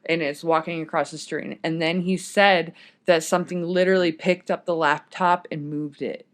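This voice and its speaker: A woman's voice: low voice, steady tone, normal speed. A woman guest on a podcast, telling a personal story in a casual, rambling way that drifts off on tangents. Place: podcast studio.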